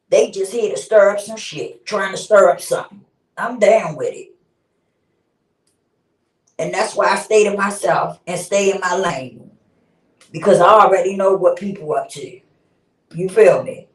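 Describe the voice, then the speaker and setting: A woman in her fifties hosts a livestream, speaking bluntly and casually, swearing freely and laughing often. Her voice is mid-range. She talks away from the mic, so the sound is distant and roomy.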